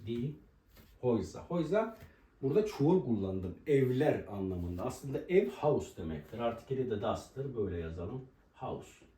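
A man teaching a language lesson at a board, explaining pronunciation and slowly repeating each example word. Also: mid-range voice, animated, dark tone. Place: room with a writing board. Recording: roomy echo, voice from a distance.

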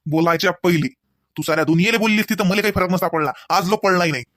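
A man's voice: sits high, racing, fairly bright tone, dry recording, studio quality. A man voicing an angry young husband who sternly scolds his wife, speaking. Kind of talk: cartoon voice acting.

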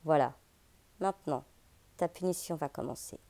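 A woman's voice: sits low, normal speed, warm tone. A woman voicing a stern, solemn man. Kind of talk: audiobook character voice.

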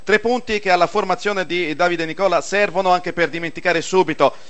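A man giving a measured live radio report on a football match as commentator. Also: sits high, a bit bright.

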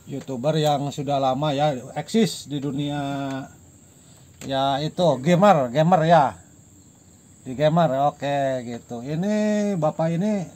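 Outdoors after dark, a host with a Sundanese accent and a fairly high voice holds a casual comedic chat at a slow pace. He's chatty, laughs often and calls his viewers guys.

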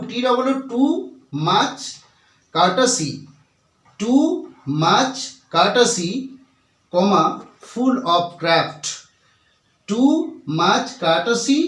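A man with a strikingly high voice teaches a vocabulary lesson, repeating each word and breaking it into letters and syllables. He sounds set back from the microphone in an echoing room. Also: fairly bright tone, recorded from a distance. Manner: slow, repetitive, spelling words out letter by letter. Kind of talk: Bengali-language English vocabulary lesson.

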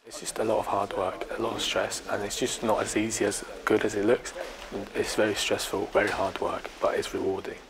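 A man's voice: on the low side, flat delivery, a little fast, a crowd in the background. A young man volunteer speaking earnestly in an interview in a large warehouse. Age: young adult.

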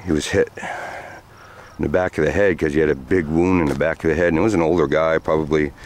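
A man's voice: extremely low pitch, steady tone, a little fast. A man in his forties telling a story outdoors while walking a trail, rambling with many fillers, recorded on a handheld camera. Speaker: vlogger. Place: outdoors on sandy trails by woods. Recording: faint outdoor noise.

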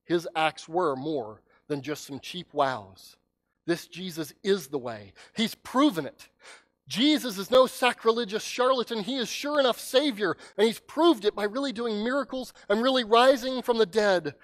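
A man preaching a sermon as pastor, telling a story dramatically and swinging from loud cries to hushed words. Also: high-pitched, lively intonation, moderate pace.

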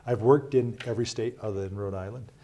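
Wearing a lapel microphone in a small TV studio, a Senate candidate from Wyoming in his fifties fields interview questions. His fairly low, warm voice stays earnest, measured, and emphatic, and he frequently ends points with "right?"

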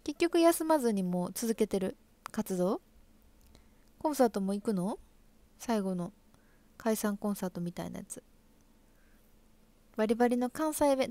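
A young woman with an Osaka accent hosts a casual live stream, chatting playfully and reacting to viewer comments. Her voice sits a little high. The sound is close and dry. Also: dark tone, no room sound. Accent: Osaka Kansai dialect. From Osaka, Japan. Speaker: livestream host and stage actress.

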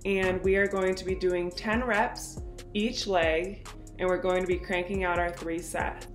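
A woman's voice: fairly low pitch, steady tone, measured pace, roomy sound, faint music behind. A young woman in her twenties vlogging her workout plan and coaching exercise technique in a bubbly, chatty way. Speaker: fitness vlogger. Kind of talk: upbeat workout vlog and exercise instruction. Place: home, then car, then voice-over on gym clips. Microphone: phone camera at arm's length.

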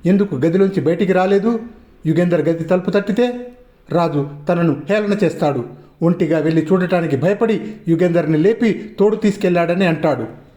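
A man reading a suspense novel aloud as narration, measured and questioning. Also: high voice, warm tone. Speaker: storyteller. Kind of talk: scripted narration. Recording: roomy echo.

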